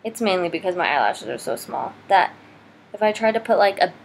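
A young beauty vlogger with a lowish voice talks briskly and with lively intonation while doing her makeup. Her tutorial is informal and rambling, full of self-deprecating chat as she works. It's recorded indoors in her living room on a noisy home camera.

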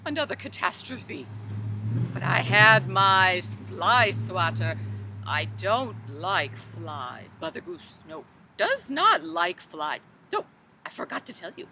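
A woman's voice: a little high, noisy background, heavily acted. A woman playing a fussy, scatterbrained old Mother Goose, leading children's rhymes with flustered, fluttery exclamations. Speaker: library storytime performer. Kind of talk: children's rhyme time in character.

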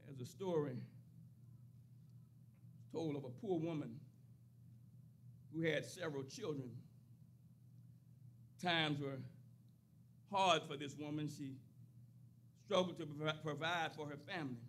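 A man's voice: fairly high pitch, a little slow, long pauses, fairly bright tone, a little hiss or hum. An older man preaching a sermon at a church pulpit into a stand microphone, building into a rising, repeated cadence. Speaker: pastor.

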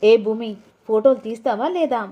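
An impatient young husband who snaps out short, demanding questions, voiced by a woman narrator. The voice sits fairly high and soft, with a mellow warmth. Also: normal speed, close to an everyday voice. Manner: curt, demanding, clipped questions.

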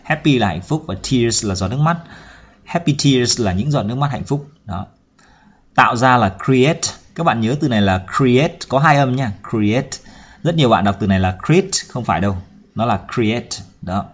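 A man teaching a song lesson, explaining each line slowly, then singing it slowly himself. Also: mid-range voice, expressive, breathy edge. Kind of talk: spoken lesson with sung demonstrations. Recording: dull lo-fi recording.

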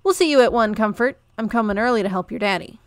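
A woman's voice: a little high, expressive, clear, resonant tone, no echo, clean studio sound, lightly acted. Woman reading a cheerful, kindly grown man. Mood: friendly. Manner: friendly, brisk. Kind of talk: storybook read-aloud.

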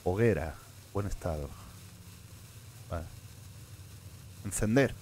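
Spaniard muttering through a live game. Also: male voice, low-pitched, animated, slow pace, a little mellow, a little hiss or hum. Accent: Spain Spanish. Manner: muttering to himself, swears often. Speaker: streamer. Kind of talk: live gameplay commentary.

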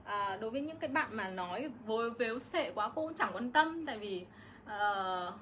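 A woman's voice: fairly high pitch, expressive, moderate pace, fairly bright tone, slight background noise. A middle-aged woman, ranting on a casual livestream vlog and hitting back at her critics with indignation. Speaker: vlogger.

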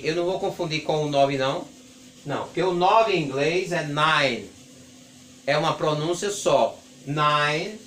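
A male English teacher whose first language is Portuguese gives a classroom lesson at the board, slowly repeating English number words for his students. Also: on the high side, a bit bright, slight background noise. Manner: slow, drawn-out repetition of English words for students. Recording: echoey room with faint ambience.

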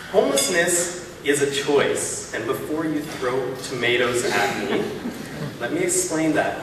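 A Canadian man in his thirties gives a keynote public speech from a podium on stage in a large hall, speaking in a mid-range voice. He sounds earnest and persuasive, building his points in rhythmic lists. The podium mic audio is echoey and was filmed from far off, with room hiss.

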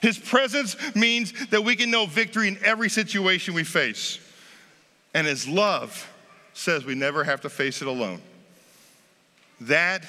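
A man's voice: on the high side, pushed and bright. A man in his forties with an American accent, preaching an Easter sermon from a lectern on a church stage, rising and falling in force for emphasis. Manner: emphatic, swelling and dropping for effect, gesturing. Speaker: pastor. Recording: long reverb of a large sanctuary.

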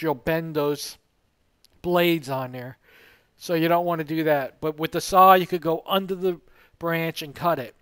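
A man's voice: a little high, a bit bright, clear, resonant tone, dry recording. A man giving a casual, rambling tool review outdoors in a yard, talking plainly about how it works.

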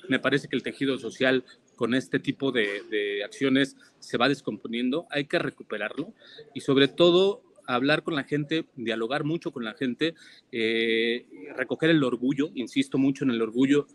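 Guy guest on a news show, normal pitch, slow careful answers, lists stuff. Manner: measured, listing, repeats himself. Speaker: interview guest, former local official. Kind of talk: interview answers.

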